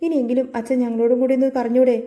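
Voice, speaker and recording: A saddened son pressing his father with questions, read out by a woman in a high, mellow voice. She reads him in her own storytelling tone. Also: little pitch movement, rapid-fire, close to an everyday voice. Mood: upset.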